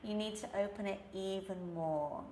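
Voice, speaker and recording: A woman's voice: mid-range voice, moderate pace, warm tone, a little hiss or hum. A woman with a British accent giving an instructional pronunciation lesson, enunciating carefully and stressing example words. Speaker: pronunciation coach. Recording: echoey room.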